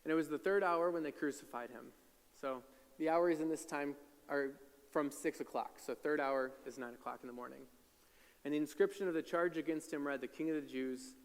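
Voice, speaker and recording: Male pastor, a little high, sermon recorded in a reverberant hall; talky scripture retelling with voiced quotes. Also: steady tone, fairly quick. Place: church sanctuary.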